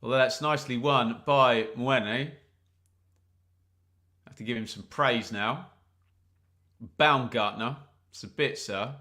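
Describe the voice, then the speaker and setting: Speaking slowly and pausing often, an English man with a medium-pitched, sharp-toned voice hosts a live football watch-along. He commentates on the play and keeps up a running chat with viewers, full of jokes and asides.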